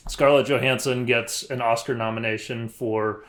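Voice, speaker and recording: A man's voice: mid-range voice, fairly even intonation, normal speed, fairly bright tone. A man co-hosting a podcast who gives casual film opinions and agrees often, with some hesitation. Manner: agreeable, short assents, hesitant. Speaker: podcast co-host.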